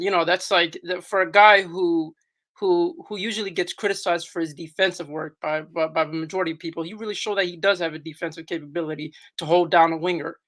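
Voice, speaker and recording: A man's voice: on the high side, fairly bright tone. A man giving casual post-match football analysis as a pundit, slangy and repeating himself for emphasis.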